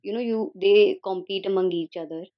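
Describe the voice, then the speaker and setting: A woman's voice: mid-range voice, moderate pace, muffled recording. A woman in her twenties with a North Indian accent, speaking earnestly and conversationally as an interview guest, repeating phrases for emphasis and mixing in Hindi. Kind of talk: casual conversational interview answers.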